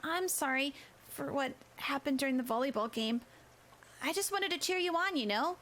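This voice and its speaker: Woman putting on a chipper high schoolgirl, whispered role-play. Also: moderate pace. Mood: apologetic. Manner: bright, eager, softly apologetic. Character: chipper, earnest teenage schoolgirl. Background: rain and crackling fireplace.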